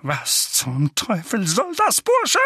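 A man voicing a fat, furious middle-aged uncle in an audiobook, shouting hoarsely and trembling with rage. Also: very high-pitched, very animated, measured pace, dry recording, clean studio sound, voice pushed up, full character voice. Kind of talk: audiobook character voice.

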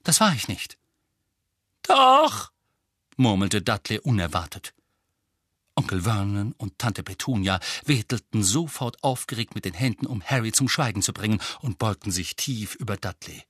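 A man narrating an audiobook with expressive, lively storytelling. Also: on the low side, normal speed, husky, no room sound, studio quality.

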